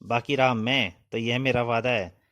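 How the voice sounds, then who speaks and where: A man reading a comic aloud plays a young male hero, brave and quick-thinking. He speaks with urgent decisiveness at an everyday middle pitch. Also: steady tone, fairly bright tone, lightly acted. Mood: earnest.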